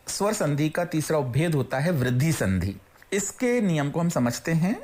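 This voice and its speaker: A teacher giving a recorded grammar lesson, asking the class questions and then praising the answers they imagine. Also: mid-range voice. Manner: slow, deliberate explaining, drawing out example words.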